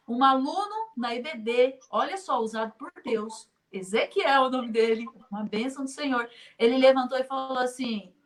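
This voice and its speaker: A middle-aged woman from Brazil who teaches in children's ministry, giving an online conference talk and telling stories with acted-out dialogue and frequent laughter. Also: sits high. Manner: lively storyteller, laughs often, acts out quoted dialogue.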